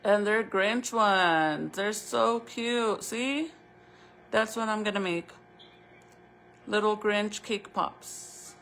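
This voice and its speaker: Woman, retainer in mouth, gravelly creak, medium pitch, casual rambling vlog chat, informal. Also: slow pace, fairly bright tone, slight background noise. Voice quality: speech slightly impeded by a retainer in her mouth. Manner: informal, rambling, thinking aloud. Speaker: vlogger showing crafts and baking. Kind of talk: casual chatty vlog to viewers.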